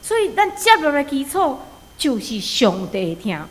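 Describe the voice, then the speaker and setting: A very animated woman preacher, speaking a little slowly, gives a sermon in a fairly high voice marked by a Taiwanese accent. Her talk blends stories with calls to action and is peppered with rhetorical questions. The long echo of a hall surrounds everything she says.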